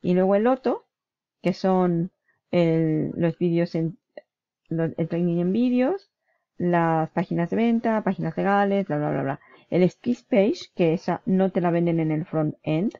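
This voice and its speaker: Gravelly chatty woman, dark voice. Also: lowish voice, unhurried, no room sound, highs cut off. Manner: chatty, self-correcting, asks ¿vale? often. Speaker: online business vlogger. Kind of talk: casual screen-share walkthrough.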